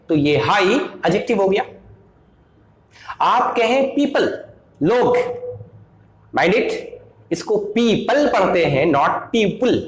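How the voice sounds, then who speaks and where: A man's voice: sits high, reverberant, rough recording. A male English teacher, explaining grammar step by step and repeating the key points. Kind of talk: grammar lesson.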